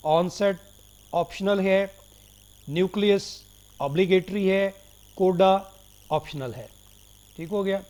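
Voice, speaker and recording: A man lecturing on phonetics in Hindi-Urdu mixed with English terms. He reads English definitions slowly and checks in often with his students. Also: sits high, darkish tone. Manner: checks in often with "theek ho gaya". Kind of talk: recorded lecture.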